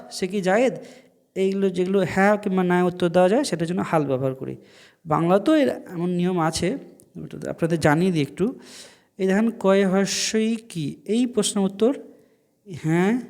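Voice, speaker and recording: A man with a high voice teaches an Arabic language lesson. He says each Arabic phrase slowly and clearly, then translates it and explains the grammar. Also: a little mellow.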